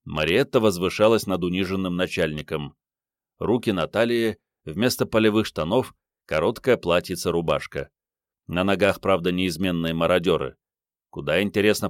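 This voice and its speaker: A man reading a novel aloud as an audiobook narrator, in an even, measured way. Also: low-pitched, no echo, clean studio sound.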